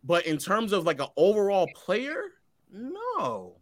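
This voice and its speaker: A man's voice: sits high, wildly swooping pitch, slow. A man on a debate panel, combative, cutting in and pressing the same question again and again. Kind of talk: heated debate.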